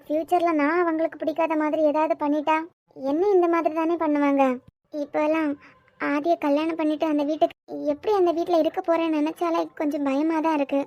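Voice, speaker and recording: A woman voicing a young injured woman who speaks softly and hesitantly, worried about her future in-laws, in a Tamil audio drama. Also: sits high, flat delivery, a little fast, no room sound. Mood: fearful.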